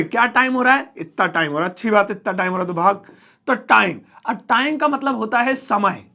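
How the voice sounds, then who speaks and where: Playful high-voiced male English teacher, gravelly. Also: a bit bright. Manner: playful and theatrical, with mock exclamations and jokes. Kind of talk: Hindi-language English lesson at a whiteboard.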